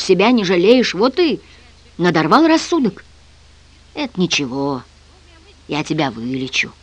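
A narrator voicing a calm grown man who speaks slowly and soothingly, reasoning with a friend, in an audiobook. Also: mid-range voice, dry recording, close to an everyday voice.

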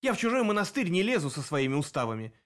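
A man reading an audiobook, voicing a sly, mocking male demon investigator who talks quickly. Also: a little high, big pitch swings, fairly bright tone, voice pushed up. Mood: dry.

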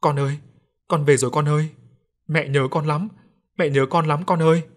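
A man's voice: mid-range voice, normal speed, lightly acted. A man voicing a grieving middle-aged mother who pleads through tears. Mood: grief-stricken. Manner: tearful, pleading.

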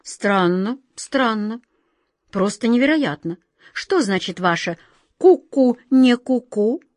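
A woman voicing a gentle, courteous male wizard who questions things with wonder. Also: a little high, lively intonation, takes it slowly, dry recording, clean studio sound. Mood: puzzled.

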